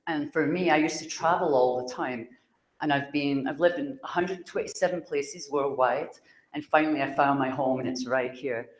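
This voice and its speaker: Scottish woman, Glasgow accent, loud chatty public speaker, roomy hall sound. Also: low voice, moderate pace. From Scotland. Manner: loud, chatty, laughs often. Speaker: psychic speaker. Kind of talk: public talk to an audience.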